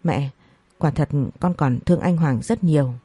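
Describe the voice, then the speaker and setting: A young daughter begs her mother for forgiveness in a low, mellow voice, as a woman storyteller plays her. The recording is dry and close. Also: normal speed, breathy edge, no echo. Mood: pleading. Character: pleading pregnant young daughter.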